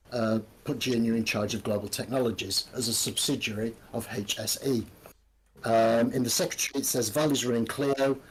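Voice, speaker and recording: A man narrating as game master in a tabletop game, halting and full of ums. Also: medium pitch, a little hiss or hum, low-quality recording.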